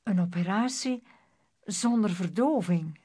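Woman doing a cruel male doctor, menacing, mock-soothing, storybook villain, unhurried. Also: medium pitch, expressive, warm tone, breathy edge.

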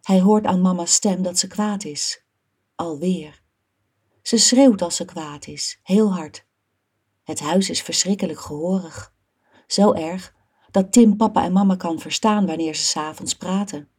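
A woman reading a children's story aloud as narrator, soft and even. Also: lowish voice, a little slow, breathy edge.

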